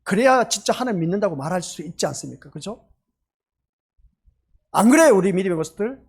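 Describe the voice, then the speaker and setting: A man's voice: high-pitched, expressive, fairly quick, creaky, husky. A male pastor preaching a Sunday sermon in a church, emphatic and full of rhetorical questions to the congregation. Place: church sanctuary.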